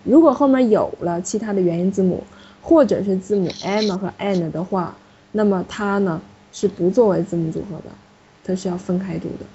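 Mellow-voiced woman teaching a class. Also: mid-range voice, normal speed. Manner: patient, explains step by step and corrects students. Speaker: French teacher. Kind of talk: classroom language lesson. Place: classroom with students. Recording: muffled, slightly noisy classroom recording.

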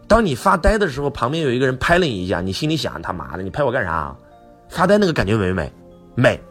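A man giving a motivational lecture who keeps asking the audience rhetorical questions. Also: fairly low pitch.

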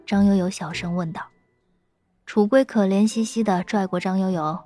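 Woman, mid-pitch, light and playful audiobook narrator over soft music. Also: moderate pace. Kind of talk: web novel narration.

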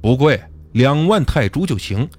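A man's voice: mid-range voice, very animated, measured pace, darkish tone, dry recording. A man voicing a sly, sarcastic male amulet dealer with needling, jealous teasing in an audiobook.

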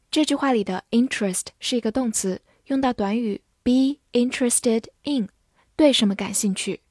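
A woman teaching English vocabulary, spelling words letter by letter and modelling slow repetitions. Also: on the high side, a little mellow, dry recording, clean studio sound. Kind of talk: vocabulary lesson, spelling and slow read-alouds.

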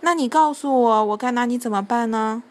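A woman's voice: a little high, a little fast, close to an everyday voice. A kindly old storybook Santa who calls out heartily and grumbles under his breath. A woman voices him without much disguise. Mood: grumbling.

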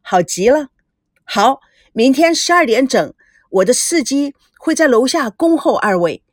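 A stern, exasperated older brother, a businessman who snaps orders and then softens to coax, as a woman narrator voices him. The voice stays fairly high and lively. The sound is dry and close. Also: a little slow, dry recording, exaggerated voice. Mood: brisk. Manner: scolding, then placating.

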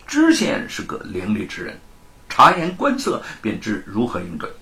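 A man telling a story in a dramatic, expressive way. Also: on the low side, moderate pace. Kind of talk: storytelling narration.

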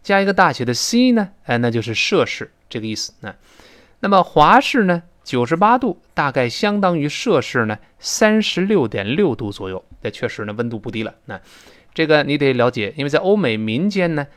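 A man's voice: a little high, very animated, normal speed, a bit bright. A male teacher explaining English words, spelling them out and modelling their pronunciation. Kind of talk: spoken English lesson.

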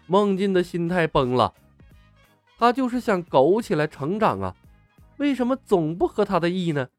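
Male audiobook narrator, high and animated, dry close mic, faint music under. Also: no room sound. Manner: expressive storytelling.

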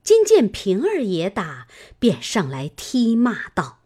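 Expressive woman narrating a classic novel. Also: medium pitch, slow, husky. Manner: expressive, dramatic storytelling. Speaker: audiobook narrator.

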